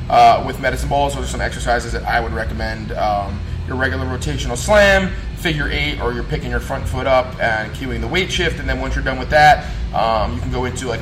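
A man speaking as a strength coach, explaining things casually and in a rambling, informal way to his followers. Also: medium pitch. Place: gym overlooking an ice rink. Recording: noisy gym with loud background ambience. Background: rink noise and ambience.

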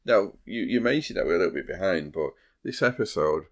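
Very deep-voiced man hosting a podcast. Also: animated, a little fast. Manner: teasing, dry humour. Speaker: podcast host. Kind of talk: true crime podcast storytelling with casual banter.

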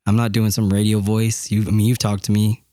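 A man's voice: on the low side, little pitch movement, fairly quick, dark tone, no room sound, studio quality. A man co-hosting a podcast, talking in a candid, profane, rambling way. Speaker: podcast co-host. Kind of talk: casual chat.

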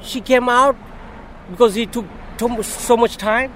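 High-pitched man with a Tanzanian accent. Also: a little slow. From Tanzania, East Africa. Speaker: passer-by chatting on a livestream. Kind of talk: casual street chat. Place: outdoors on a city street beside a car. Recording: street noise, car ambience.

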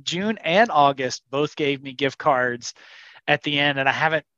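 A man's voice: a little high, unhurried, bright, forceful tone, no room sound. A man co-hosting a casual chat, rambling with many restarts. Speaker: podcast co-host. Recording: dull lo-fi sound.

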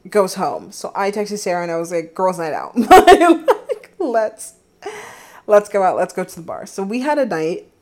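A woman's voice: lowish voice, lively intonation, moderate pace, a little mellow. A young woman in her twenties hosting a solo podcast, telling a dating story in a chatty, giggly way with lots of fillers. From Philadelphia area. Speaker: podcast host.

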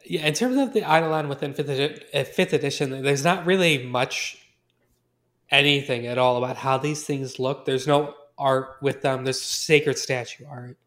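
A man's voice: medium pitch, moderate pace, a bit bright. A man hosting a podcast, chatting casually about tabletop fantasy gaming. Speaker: podcast host.

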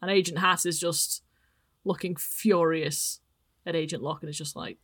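A woman's voice: lowish voice, steady tone, moderate pace, slightly rough. A woman narrating a tabletop game as game master, rambling with many restarts. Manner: rambling, with frequent fillers and restarts.

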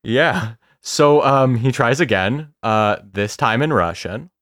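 A man co-hosting a casual podcast, telling a story with laughs, a bit of swearing and slow pauses for suspense. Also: mid-range voice, lively intonation, fairly bright tone, no room sound, clean studio sound. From Canada. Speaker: podcast host.

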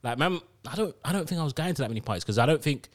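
A man's voice: fairly high pitch, animated, rapid-fire. A young man with a London roadman accent, reminiscing in casual group chat with heavy street slang and frequent repetition.

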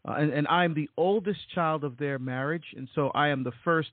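In a casual interview, a middle-aged man from Barbados who is a deacon and writer shares his story with lots of fillers and repeats. He talks fairly quickly in a high-leaning voice; the sound is tinny and phone-like, dry with no room sound.

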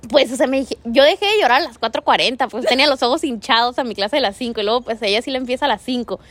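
A woman's voice: a little high, fast talker, a bit bright, dry recording. A Mexican woman in her early twenties, a podcast guest telling her story in a giggly, rambling casual chat. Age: 20s.

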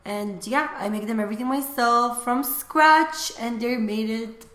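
This young woman's voice sits on the high side and she takes her time. She's from Lithuania and is being interviewed about her small business, talking in a relaxed, chatty way full of fillers, with an echo from the room.

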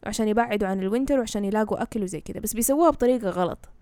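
A woman's voice: mid-range voice, rapid-fire, dark tone, dry recording. A woman with a Hejazi Saudi accent, explaining things casually in Arabic sprinkled with English words and often checking that the listener follows. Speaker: knowledgeable guest explaining fantasy lore.

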